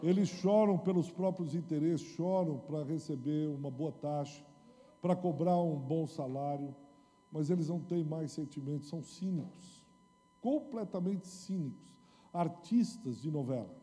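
A man preaching a sermon in Portuguese, dramatic, moving between quiet storytelling and loud shouting. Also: a little high, measured pace, long reverb tail.

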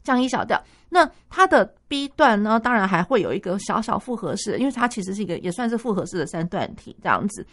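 A woman music teacher explaining a piano piece on the radio, singing rhythms aloud and thinking out loud with many fillers. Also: mid-range voice, big pitch swings, quick pace, few pauses. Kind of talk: radio music lesson chat.

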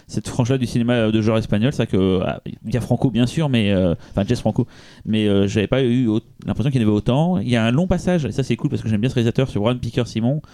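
A man talks casually on a podcast, wandering through his thoughts with lots of restarts. His voice sits low and sounds mellow rather than bright. The sound is dry and close. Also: no room sound. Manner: rambling, many restarts and hesitations. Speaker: podcast co-host presenting a film. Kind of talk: casual chat.

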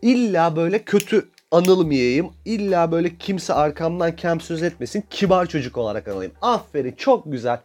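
A man's voice: fairly high pitch, expressive, normal speed, few pauses, a little mellow, faint music behind. Ranting, profane man in his thirties. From Turkey. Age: 30s. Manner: ranting, profane, self-mocking; breaks into laughter often. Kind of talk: casual monologue.

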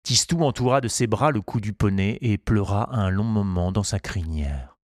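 A man reading a children's storybook aloud in a measured, unhurried way. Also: lowish voice, no room sound, studio quality. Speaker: narrator.

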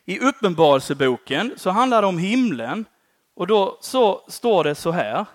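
Male preacher, slightly higher voice, very lively pitch, chatty sermon delivery with frequent "va?" tags, dry close sound. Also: no echo. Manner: conversational, often ends phrases with a questioning "va?"; dynamic, swings between loud emphatic lines and quiet dropped-off endings.

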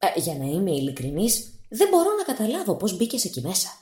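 A woman voicing a clever young male fisherman who pleads and flatters, in radio storytelling with a roomy echo. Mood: sly flattery. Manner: pleading, quick-witted, high and breathless when scared.

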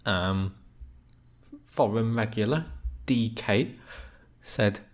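A man co-hosting a casual podcast, talking in a dry, deadpan way as he reads out forum posts. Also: on the low side, extremely slow. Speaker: podcast co-host.

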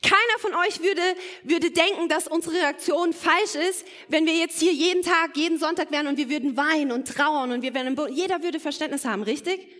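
A woman's voice: sits high, a little fast, few pauses, a bit bright. A woman preaching a sermon to her congregation, earnest and building to emphatic exhortation. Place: church hall. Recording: long reverb of a church hall.

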